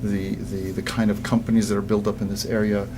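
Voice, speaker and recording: Older man from Egypt, low voice. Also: fairly quick, noisy background. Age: 60s. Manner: animated storyteller who repeats words when starting sentences. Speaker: guest business coach. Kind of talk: casual interview chat.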